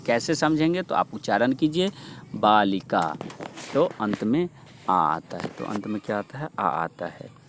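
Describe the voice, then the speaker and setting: A man's voice: lowish voice, lively intonation, normal speed, noisy background. A male teacher explaining grammar and reciting word forms for students to repeat. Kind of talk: Sanskrit grammar lesson with drills.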